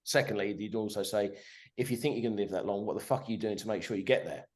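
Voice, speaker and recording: A man in his forties appears as a podcast guest over a video call, chatting casually in an animated way, swearing freely and ending his points with "right?". His voice is fairly low and he talks fast.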